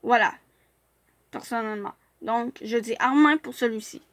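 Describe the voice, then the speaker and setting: A woman's voice: on the high side, normal speed, fairly bright tone, dry recording. A woman chatting casually in a vlog as she reviews fan profiles, hesitating often with filler sounds and restarts.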